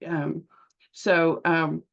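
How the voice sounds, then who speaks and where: A woman's voice: sits low, flat delivery, creaky. Woman doctor over lo-fi video call audio. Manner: halting, many filler sounds and restarts. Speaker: physician presenting to a group. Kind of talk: webinar presentation.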